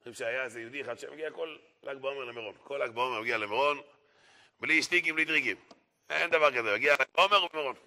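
A male preacher telling stories to his listeners in a sermon. His tone is very bright and piercing, and he drives each point home by saying it again and again. His pitch sits in an ordinary middle range for a man. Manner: emphatic, repeats phrases for effect. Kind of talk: storytelling sermon.

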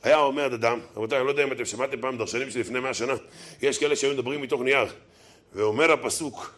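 Animated, bright-voiced male preacher. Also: medium pitch. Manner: animated, acts out quoted voices, chuckles often. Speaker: rabbi preacher. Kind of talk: lively sermon with stories.

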